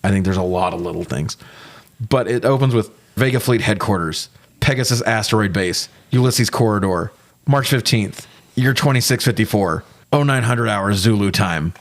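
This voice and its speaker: At a normal speed and with a voice on the low side, this man co-hosts a casual podcast reviewing movies. His manner is animated griping laced with plenty of swearing.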